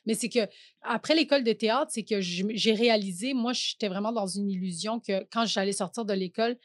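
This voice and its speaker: A woman's voice: mid-range voice, fairly quick, no room sound. A woman in her thirties with a Québécois French accent, chatting casually as a podcast guest, rambling with fillers and restarts and laughing often. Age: 30s. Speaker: comedian guest.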